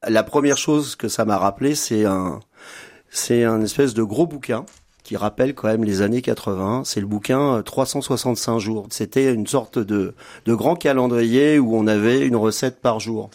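A French restaurant owner and chef in his fifties speaks in a radio interview, hesitating often with plenty of fillers and restarts. His voice is medium-pitched and darkish, at a normal speed.

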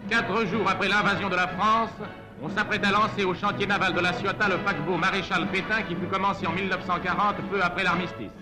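A man's voice: high-pitched, fairly even intonation, quick pace, over music, poor audio. A man narrating a 1940s newsreel in a formal, declamatory way, heard from an old newsreel soundtrack.

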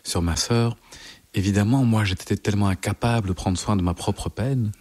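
Low-voiced middle-aged man, reflective. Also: brisk, darkish tone. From France. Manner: reflective, searching for words. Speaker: interview guest, psychologist. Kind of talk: personal interview testimony.

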